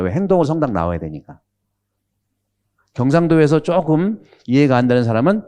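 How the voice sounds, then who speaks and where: Mellow-voiced male priest giving a chatty lecture. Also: on the high side. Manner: chatty and humorous, asks the audience questions; drops into regional speech when quoting. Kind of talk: conversational catechism lecture.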